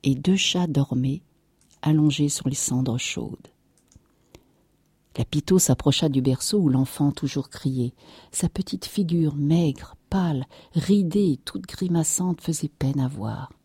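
Woman narrator, audiobook reading, measured and even, low dark voice, husky, dry close sound. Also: no room sound.

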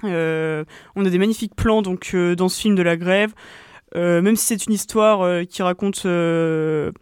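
Une jeune femme, co-animatrice d'une émission de radio, qui explique un sujet en hésitant souvent. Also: female voice, on the low side, measured pace, darkish tone, clean tone, dry recording, studio quality. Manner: hesitant, many fillers. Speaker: co-host. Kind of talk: radio show presentation.

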